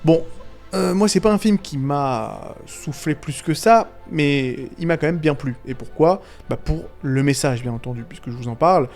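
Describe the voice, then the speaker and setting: A man giving casual, rambling video commentary on animated films, full of fillers, restarts, slang and chuckles. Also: fairly high pitch, normal speed, soft background music. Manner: slangy and irreverent. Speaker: YouTube film commentator.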